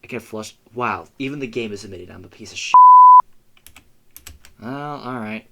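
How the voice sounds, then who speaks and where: A man's voice: lowish voice, normal speed, heavy background noise. A young man giving rambling, self-mocking commentary while playing a game, with frequent cursing and yelped "oh no"s. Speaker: gamer recording a let's play.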